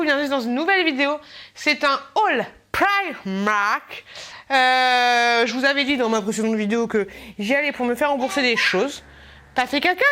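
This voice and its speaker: A woman's voice: sits high, fairly bright tone. A young woman chatting casually as she shows a clothing haul. She rambles, laughs often and turns aside to talk to her baby. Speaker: mom vlogger showing a clothing haul.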